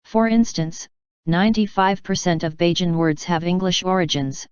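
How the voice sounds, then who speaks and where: A woman reading scripted educational narration in a measured, formal, explanatory way. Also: lowish voice, clear, resonant tone, no echo, lo-fi sound.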